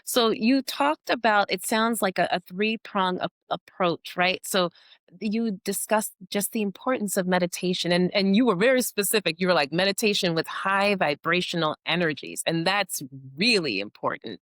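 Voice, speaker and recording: A woman's voice: mid-range voice, lively intonation, moderate pace, fairly bright tone, no room sound, studio quality. A woman hosting an interview, summarizing her guest's points and asking follow-up questions. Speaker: podcast host. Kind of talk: conversational interview.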